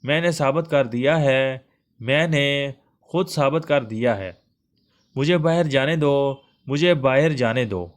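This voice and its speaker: A man's voice: mid-range voice, close to an everyday voice. A man voicing a male asylum director who is losing his mind, pleading frantically in a storybook reading. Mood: frantic.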